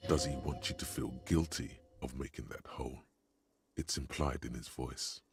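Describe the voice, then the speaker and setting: A man voicing a brooding game narrator who speaks in measured, grim second person. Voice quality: deep, gravelly. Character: brooding gravelly adult male game narrator. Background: game music.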